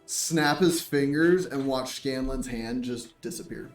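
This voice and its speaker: A man narrating as game master in a relaxed, laughing way. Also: medium pitch, measured pace, soft background music. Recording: echoey room, mic far off.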